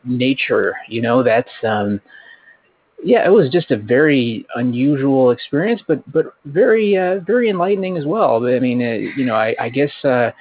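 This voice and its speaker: A man leaving a halting, awkward voicemail to a camping buddy, full of ums, over tinny call audio. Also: medium pitch, expressive, slightly rough, no echo. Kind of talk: improv comedy voicemail.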